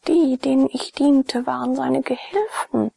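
A woman's voice: high voice, unhurried, vocal fry, warm tone, husky, no echo, pitched above the performer's own voice, full character voice. A woman putting on a proud blind slave girl. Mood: proud, plain.

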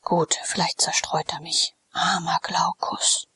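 A woman's voice: lowish voice, flat delivery, takes it slowly, pushed and bright, slightly rough, exaggerated voice. A woman reading the part of a sleepy, world-weary Roman nobleman who talks in a half-whisper.

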